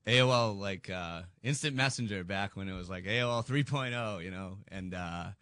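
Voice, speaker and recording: A man in his thirties speaks as a guest on a local radio show, plain-spoken and easygoing. His voice sits very low but has a forceful, bright edge. The studio sound is dry and close. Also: moderate pace, dry recording. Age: 30s. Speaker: guest, flooring business owner. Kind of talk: radio interview answers.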